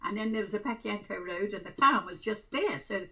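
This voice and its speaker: Very old Australian woman, bright voice. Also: mid-range voice, brisk. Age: very old, over 100. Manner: very old woman's way of talking, repeating short phrases. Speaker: interviewee, grandmother. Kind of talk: casual reminiscing chat. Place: small room indoors, on a video call. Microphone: video call, device in front of her.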